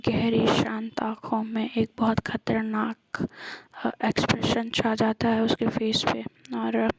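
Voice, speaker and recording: A woman casually retelling a love story in a soft, half-whispered voice, pausing often on fillers. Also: fairly high pitch, completely flat delivery, vocal fry, husky, no room sound, rough recording. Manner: hesitant, many filler pauses.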